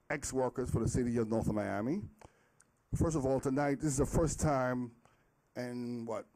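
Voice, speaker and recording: A middle-aged man making an impromptu public comment as a resident, halting and repeating his words as he pleads. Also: mid-range voice, warm tone. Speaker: resident and former city worker speaking at public comment.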